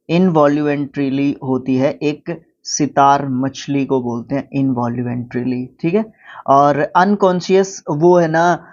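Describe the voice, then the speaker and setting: A man with an Indian accent teaching a vocabulary lesson, explaining words and reading English definitions slowly. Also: mid-range voice, darkish tone, highs cut off.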